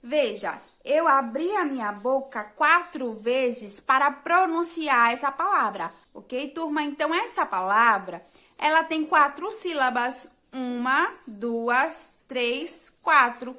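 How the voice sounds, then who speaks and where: A woman teacher from Brazil giving a remote lesson to young children, talking to the class directly and counting out letters and syllables slowly and clearly. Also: high-pitched, lively intonation, pushed and bright. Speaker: primary school teacher. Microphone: video lesson recording.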